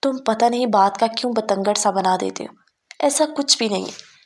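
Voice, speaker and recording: A woman voicing a brusque young man who calms a frightened girl. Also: fairly high pitch. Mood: firm. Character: young man, curt and protective.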